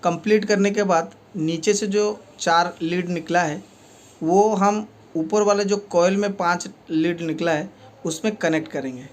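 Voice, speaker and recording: Working with his hands as he talks, a man with a high-pitched voice and a measured pace walks through fixing a table fan step by step. His explanations are plain and full of fillers.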